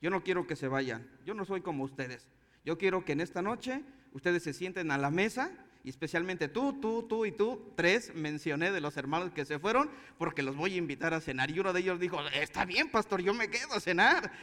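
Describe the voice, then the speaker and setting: A man's voice: on the high side, animated, a little fast, fairly bright tone, in a large hall. A man with a Mexican accent, a pastor telling a story in a conversational way before preaching. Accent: Mexican Spanish. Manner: conversational storytelling, chuckling asides. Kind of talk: sermon with anecdote.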